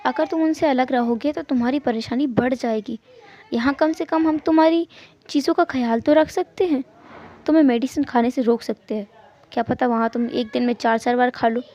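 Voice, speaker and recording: A woman voicing a calm, tender young man who comforts his partner in a soft, reassuring way. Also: high voice, a little fast, close to an everyday voice. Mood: earnest. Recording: muffled lo-fi recording.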